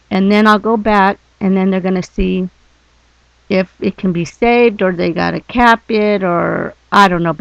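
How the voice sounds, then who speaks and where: A woman's voice: medium pitch, vocal fry, dry recording, low-quality recording. A woman telling a personal story in a casual vlog, talking with a slight lisp. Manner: lisping from a mouth injury; animated, blunt storyteller. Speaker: vlogger.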